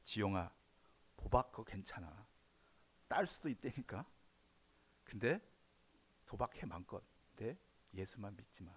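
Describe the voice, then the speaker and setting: A sly, tempting devil, put on by a preacher mid-sermon speaks in a dropped, hushed voice that slips into whispers. It coaxes and sneers like a tempter at someone's ear, much lower than a normal speaking voice. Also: male voice, lively intonation, unhurried, pauses often. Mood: hushed coaxing. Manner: low hushed coaxing, sometimes whispering.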